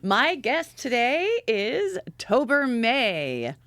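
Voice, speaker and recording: A woman's voice: fairly high pitch, wildly swooping pitch, drawn-out words, a bit bright, dry recording. A middle-aged woman hosting a casual podcast chat in a studio, bubbly and laughing often. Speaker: podcast host.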